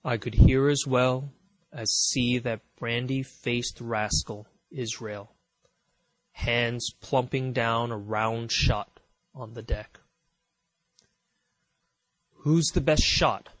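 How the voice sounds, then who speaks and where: A male narrator reads an adventure story in a slow, measured, even style. His voice sits at a middle pitch. The recording is close and dry, with no room echo. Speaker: audiobook narrator. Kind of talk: scripted audiobook narration.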